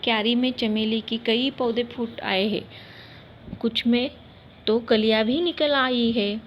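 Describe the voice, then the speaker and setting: A woman voicing a loving mother who gently calls her son to dinner in a children's story. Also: on the high side, slow, slight background noise. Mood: coaxing.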